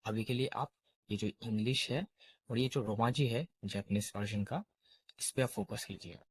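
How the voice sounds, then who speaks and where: A man's voice: mid-range voice, normal speed, slightly rough, no room sound. A man teaching a beginner language lesson, saying each example word and its meaning twice. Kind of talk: slow spoken lesson.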